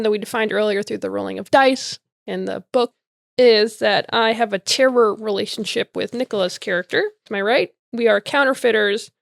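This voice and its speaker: A woman's voice: fairly high pitch, gravelly, dry recording, clean studio sound. A woman introducing her character on a role-play podcast, playful and chatty. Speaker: player. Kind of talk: casual chat.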